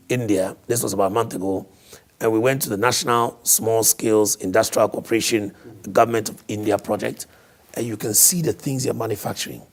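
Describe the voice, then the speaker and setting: A man speaks in a hoarse voice with heavy gravel and creak, at a fairly low male pitch. He answers interview questions like a diplomat, explaining emphatically and posing questions that he then answers himself. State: hoarse, voice partly lost.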